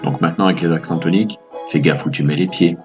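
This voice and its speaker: A man's voice: sits low, quick pace, lo-fi sound, faint music behind. A man hosting a language lesson, explaining grammar to viewers in an upbeat, patient way with playful asides. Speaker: language teacher, host.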